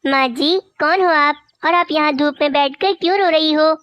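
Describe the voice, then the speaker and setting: Woman doing a sweet caring bird, high, dry cartoon audio. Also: moderate pace, no echo, dull audio, natural voice. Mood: concerned. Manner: concerned, caring. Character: kind female bird, sympathetic helper. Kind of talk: cartoon voice acting.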